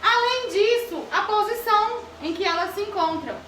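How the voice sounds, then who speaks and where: A woman's voice: extremely high pitch, moderate pace, fairly bright tone, a little hiss or hum. A woman teacher giving a grammar lesson to children, asking the class questions and calling on pupils by name. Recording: echoey classroom from far off.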